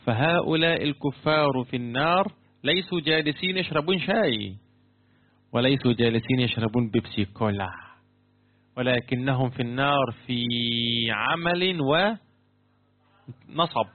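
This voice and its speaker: A man's voice: normal speed, pauses often. Tinny-sounding teacher quizzing his class. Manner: quizzes students with repeated questions and fill-in prompts. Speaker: teacher explaining Quran commentary. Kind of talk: interactive classroom lesson. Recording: tinny phone-like low-fidelity sound.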